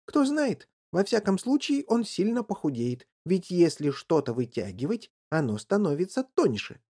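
An excitable, eccentric chocolate-factory owner, put on by the audiobook's reader, his voice leaping up and down in lively swings. The tone stays dark and mellow under the theatrics, exclaiming and musing in a storybook way. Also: mid-range voice, normal speed, pitched above the performer's own voice. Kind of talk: audiobook character reading.

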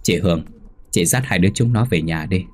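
A man's voice: low-pitched, brisk, darkish tone, breathy edge, soft background music. A man voicing an older male neighborhood leader who gives firm orders in a ghost story reading.

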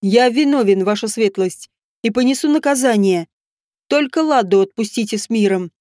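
A woman reading the lines of a guilty peasant husband who speaks quietly and accepts his punishment. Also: on the high side, animated, normal speed, no room sound, clean studio sound, lightly acted. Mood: resigned. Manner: quiet, resigned.

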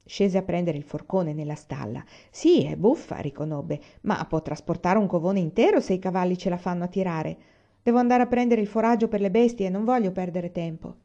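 A woman reading a children's novel aloud in calm, measured narration, lifting her voice for the characters' lines. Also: lo-fi sound. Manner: lifts pitch and level for character quotes. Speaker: audiobook reader. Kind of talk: scripted narration.

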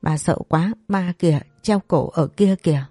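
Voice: medium pitch, normal speed, mellow, dry recording, faint music behind, close to an everyday voice. The narrator voicing a frightened older man who sees ghosts, speaking in a tearful, pleading way. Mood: terrified. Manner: trembling, tearful, fearful pleading. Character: frightened old man haunted by visions.

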